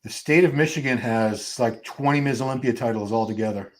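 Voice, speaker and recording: A man's voice: medium pitch, a little fast, rough recording. A man hosting a casual livestream chat, rambling on and asking his guests questions. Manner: rambling, chatty, asks the guests. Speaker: host.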